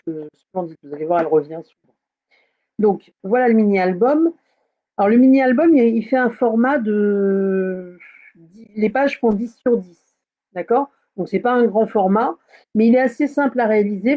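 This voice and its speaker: A woman hosting a casual live craft tutorial, chatting with many fillers and hesitations. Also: mid-range voice. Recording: slightly dull lo-fi sound.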